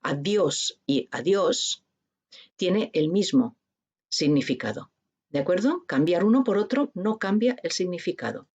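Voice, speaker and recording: A woman's voice: deep voice, darkish tone, breathy edge, dull audio. A woman with a peninsular Spanish accent giving a university linguistics lecture. She explains step by step and keeps checking in with her students through tag questions. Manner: addresses students informally.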